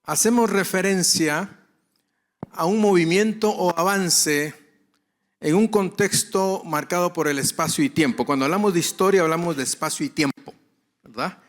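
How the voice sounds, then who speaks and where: A man's voice: high voice, moderate pace. A male pastor giving a conference lecture to other pastors, repeating key phrases for emphasis and asking and answering his own questions.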